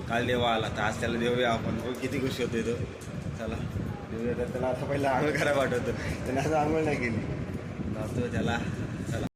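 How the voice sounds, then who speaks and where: A man vlogging at home, teasing and coaxing a child and dropping to low asides for viewers. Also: little pitch movement, brisk. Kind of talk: casual family vlog. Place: family home indoors. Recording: noisy home recording.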